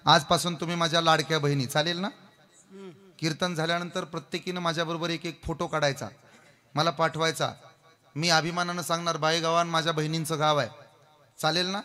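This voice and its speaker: A man's voice: on the high side, little pitch movement, fairly quick, bright, forceful tone. A man preaching a comic devotional kirtan, playfully teasing the crowd and leading call-and-response. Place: stage before a live audience. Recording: long hall reverb, faint music.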